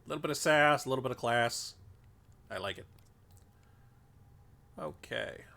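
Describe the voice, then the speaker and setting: Speaking through a desk microphone, a congested man rambles casually with plenty of fillers, thinking out loud as he streams a game. His mid-range voice is creaky, bright and forceful, moving at a normal speed.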